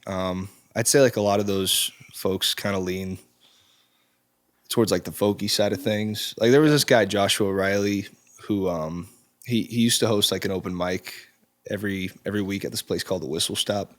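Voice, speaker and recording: A man in his twenties, a musician guest, talking in a relaxed, halting way with frequent ums in a studio interview. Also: lowish voice. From Czech Republic. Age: 20s. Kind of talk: casual interview chat. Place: recording studio.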